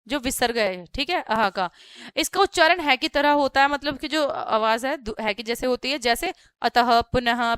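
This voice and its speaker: Bright, high-voiced woman teaching a lesson. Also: clean tone, dry recording, clean studio sound. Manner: explains step by step, asking and then answering her own questions; repeats "ठीक है" often as a check-in. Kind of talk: classroom-style grammar lesson.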